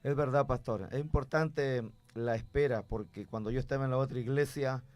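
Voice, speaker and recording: A man's voice: medium pitch, fairly even intonation, normal speed, darkish tone, no echo. A man, a pastor sharing his experience in an earnest, chatty way. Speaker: pastor, guest. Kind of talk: conversational testimony.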